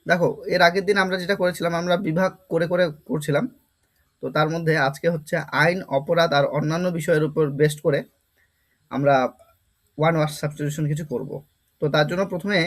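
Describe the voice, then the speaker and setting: Guy teaching vocab class, fairly high voice, keeps repeating stuff and asking questions. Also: fast. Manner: explains step by step, repeats words and asks rhetorical questions. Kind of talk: vocabulary lesson.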